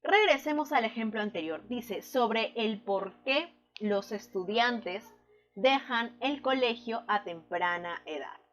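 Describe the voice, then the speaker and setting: A woman with a somewhat high voice teaches a recorded grammar lesson. She explains each rule patiently and slows down to stress the key points. She keeps checking in with her students through short tag questions. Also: expressive, fairly bright tone.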